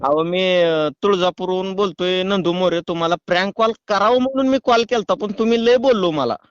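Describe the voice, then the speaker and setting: A man making a prank phone call, calm and teasing in a mock-official way. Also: sits high, a little fast, clear, resonant tone, no room sound. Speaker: prank caller.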